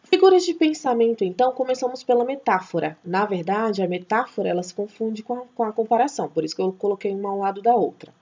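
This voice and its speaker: A woman teaching an online grammar lesson, her voice swinging up and down with animated intonation. She keeps checking in with her students and trips over words now and then, restarting them. The recording sounds a little dull and lo-fi. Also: medium pitch. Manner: chatty, checks in with tag questions.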